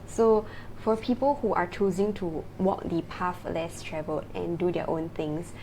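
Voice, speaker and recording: A woman's voice: fairly low pitch, steady tone, a little slow, warm tone, rough recording. Woman, from Singapore, interview guest, chatty, filler words, tag questions, faint background noise. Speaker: guest, copywriting founder. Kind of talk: casual interview talk.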